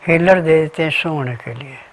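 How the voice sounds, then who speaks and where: A man's voice: fairly high pitch, normal speed, a little hiss or hum. A man giving an instructional health talk as a remedy advisor, methodically listing ingredients and diet rules step by step.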